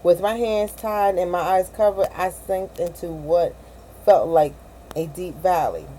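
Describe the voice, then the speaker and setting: A woman reads a novel aloud in a low, mellow voice, often tripping over words and going back to fix them. A faint hiss sits under the recording. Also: measured pace, low-quality recording. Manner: stumbling, self-correcting, with asides and laughs. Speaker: reader of a novel. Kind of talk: amateur audiobook reading.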